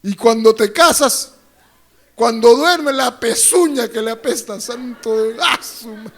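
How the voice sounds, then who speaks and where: A man's voice: very high-pitched, measured pace. A pastor preaching a sermon to his congregation. He preaches with fervor, gets the congregation to repeat phrases after him and throws in joking asides. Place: church.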